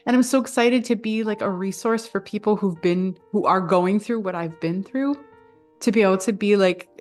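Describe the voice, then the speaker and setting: Earnest woman gushing over soft music. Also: mid-range voice, normal speed. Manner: earnest, gushing, many fillers. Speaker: vlogger. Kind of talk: casual heartfelt vlog talk.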